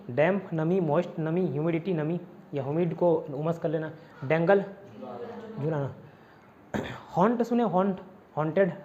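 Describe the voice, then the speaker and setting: A man's voice: a little high, a little mellow, dull audio, slight background noise. A man from India teaching vocabulary in an online exam-prep lesson, repeating each word and its meaning over and over. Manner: repetitive drilling, mixing Hindi and English.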